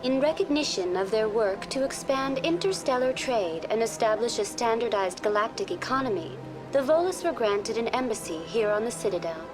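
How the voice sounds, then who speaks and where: A woman voicing a courteous virtual intelligence guide in a science fiction game, formal, measured and impersonal. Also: fairly high pitch, animated, music in the background, natural voice. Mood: polite, composed. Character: courteous female virtual intelligence tour guide on a space station. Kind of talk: scripted informational game dialogue.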